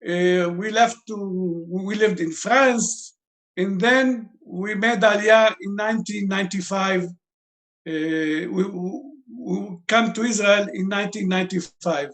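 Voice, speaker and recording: A man's voice: sits high, slow pace, a bit bright. A man in his fifties from Lebanon, speaking English as an interview guest, searching for words and breaking his grammar. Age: 50s. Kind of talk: interview answers.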